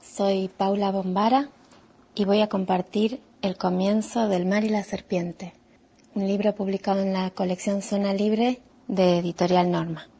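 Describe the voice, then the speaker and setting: Husky Argentine woman reading a story aloud. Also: mid-range voice. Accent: Argentine Spanish. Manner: calm, measured first-person child narration. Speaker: author reading her own book.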